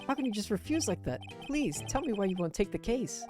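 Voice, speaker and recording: A woman's voice: mid-range voice, very animated, fairly quick, pitched above the performer's own voice, natural voice. Woman doing an earnest young lawyer guy, pleading, exasperated, game music in background. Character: earnest young male defense attorney.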